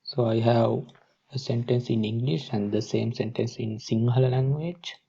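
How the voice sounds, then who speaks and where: With a steady tone, this man's mid-range voice comes across gravelly and slightly rough. He narrates a step-by-step software tutorial haltingly, as if instructing, while his microphone sounds dull and muffled.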